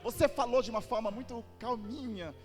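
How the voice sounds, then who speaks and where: A man's voice: extremely high pitch, brisk. A Brazilian man preaching a sermon, telling a Bible story and having the congregation repeat phrases. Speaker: pastor. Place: church sanctuary. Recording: reverberant church hall with music.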